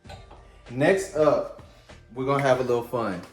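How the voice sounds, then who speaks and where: A man's voice: medium pitch, moderate pace, echoey room, faint music behind. Chatty man mixing drinks at home. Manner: playful, chatty, talks straight to viewers. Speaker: vlog host. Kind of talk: casual drink-making tutorial.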